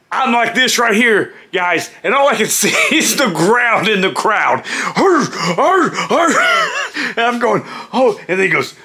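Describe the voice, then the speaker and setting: A middle-aged man, a former pro wrestler, animatedly telling a road story with laughs. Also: fairly high pitch. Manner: animated, laughing, acting out voices. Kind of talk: storytelling vlog.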